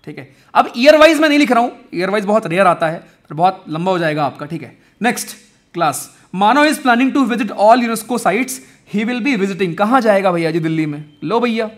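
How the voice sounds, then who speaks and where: Here a young man with a high voice delivers an energetic, conversational lesson full of exam-prep memory tricks, greeting viewers as friends and brothers.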